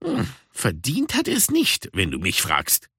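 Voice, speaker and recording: A man voicing a small, proud grey female cat who is quick to scoff, in a storybook reading. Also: mid-range voice, huge pitch swings, vocal fry, bright, forceful tone, slightly rough, no echo, studio quality, pitched above the performer's own voice, exaggerated voice. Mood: mocking.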